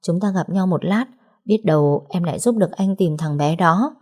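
A woman voicing a coy, scheming young woman in a story, speaking in a soft, cooing, sugary way. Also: fairly low pitch, moderate pace. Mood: sweetly menacing. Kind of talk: audiobook character reading.

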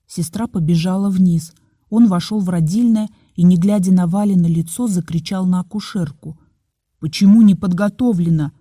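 A woman narrating an audiobook in a calm, measured reading voice. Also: on the low side, dry recording, clean studio sound. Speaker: audiobook reader.

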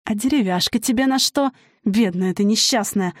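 A woman's voice: medium pitch, animated, a little slow, a little mellow, no room sound, studio quality. A woman voicing a cruel, wolf-like male forest spirit who growls his demands in a storybook reading. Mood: mocking.

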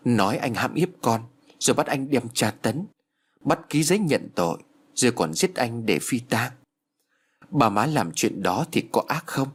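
An earnest young woman pleading with her mother, as a male narrator voices her. The delivery is tearful and insistent, in a husky, expressive reading voice. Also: mid-range voice, a little slow. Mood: accusing.

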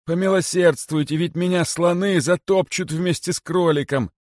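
A frightened, begging snake, as a man puts him on, his voice raised high and strained with fear as he pleads. Pitched well above the reader's own voice, it stays dry and close to the mic. It is a storybook figure read aloud. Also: fairly even intonation, normal speed, a little mellow, dry recording, natural voice. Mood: desperate whisper. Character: terrified, pleading male boa with a rabbit inside.

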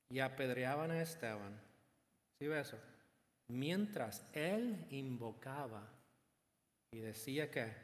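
A man preaching a sermon in a mid-pitched voice, leaning on rhetorical questions and building emphasis as he speaks. His voice rings out with a long reverb, as if filling a large hall. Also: slight background noise. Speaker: pastor.

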